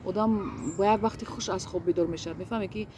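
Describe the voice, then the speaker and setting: A woman speaks in a casual interview, earnest and warm-hearted in her words but halting, circling back with fillers and restarts as she searches for phrasing. Her pitch sits mid-range for a woman. A faint hiss of background noise runs under the recording. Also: steady tone. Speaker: interview guest.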